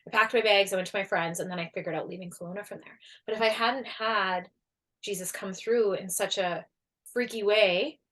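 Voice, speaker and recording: Animated storytelling woman guest. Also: medium pitch, moderate pace. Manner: animated, acts out quoted voices, many fillers. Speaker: guest, energy healer and coach. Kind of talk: casual storytelling.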